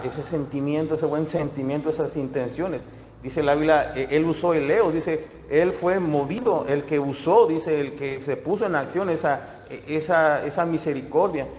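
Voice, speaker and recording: A male pastor giving a sermon, halting with many fillers and restarts. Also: a little high, a little mellow. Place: church. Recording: echoey hall, dull lo-fi sound.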